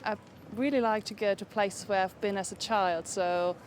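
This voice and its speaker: A woman's voice: medium pitch, steady tone, moderate pace, a little hiss or hum. A woman from Germany talking enthusiastically about her travels in a street interview. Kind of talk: casual chat.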